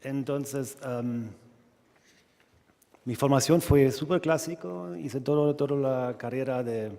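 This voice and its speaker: A man from Germany with a German accent, presenting as a non-native speaker, haltingly and searching for words. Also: mid-range voice, creaky, dark tone. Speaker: sculptor presenting own work. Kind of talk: informal conference presentation. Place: reverberant hall at a colloquium. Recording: echoey hall with long reverb.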